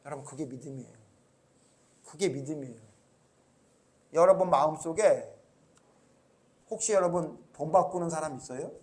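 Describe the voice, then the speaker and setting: High-voiced preaching Korean pastor. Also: male voice, normal speed, pauses often. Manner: preaching with many rhetorical questions to the congregation; swings from soft low asides to loud emphatic outbursts. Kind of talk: sermon.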